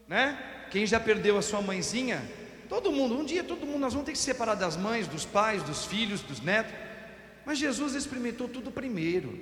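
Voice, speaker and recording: A middle-aged Brazilian priest giving an Easter homily, telling folksy stories with everyday examples. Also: male voice, very high voice, a bit bright. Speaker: parish priest. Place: parish church. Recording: echoey church with long reverb.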